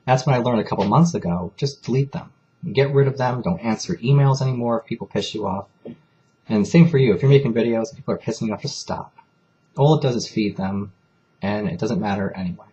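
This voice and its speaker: A man's voice: mid-range voice, fast talker, warm tone, lo-fi sound. A man talking candidly in a personal confessional vlog, rambling and emotional as he speaks. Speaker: vlogger.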